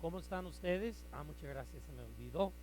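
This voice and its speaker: A man in his fifties, a guest preacher delivering a sermon loudly, with frequent filler words and light humor. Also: on the high side, animated, fairly quick, big-room sound, a little hiss or hum. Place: church sanctuary.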